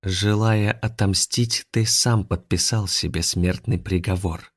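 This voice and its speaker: A man's voice: lowish voice, fairly even intonation, a little slow, a little mellow, no echo, clean studio sound, close to an everyday voice. A man voicing a woman possessed by an alien, speaking in an indifferent, lifeless way. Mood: menacing. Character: woman whose body is taken over by a cold alien.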